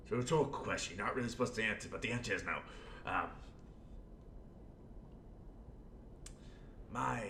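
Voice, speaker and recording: A man voicing an unhinged, menacing clown supervillain in a rambling, theatrical audio roleplay, with a gravelly voice and smug manner. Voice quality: gravelly, creaky. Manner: rambling, theatrical, swinging from mutters to outbursts. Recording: roomy echo, faint rumbling noise.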